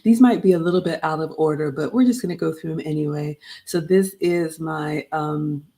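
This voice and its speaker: Speaking at normal speed in a warm, low-pitched voice, a middle-aged woman from Ghana hosts a laid-back livestream. She recaps her travels and greets viewers by name.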